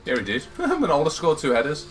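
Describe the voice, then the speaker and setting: A man streaming a football video game live, excitable and swearing freely as he banters with his chat through a headset. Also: a little high, brisk, soft background music. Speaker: gaming streamer.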